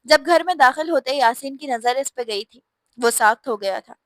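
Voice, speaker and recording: A woman narrates a romantic novel in a steady, expressive reading voice. Her pitch sits a little high, and the recording is dry and close with no room sound. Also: normal speed, no room sound. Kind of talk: scripted storybook narration.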